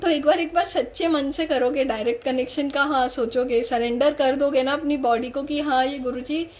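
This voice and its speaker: A young woman with a high, light voice gives a devotional talk on a live stream. She speaks earnestly and conversationally. She circles back to her key points and often restarts her sentences. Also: fairly even intonation, normal speed. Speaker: satsang speaker.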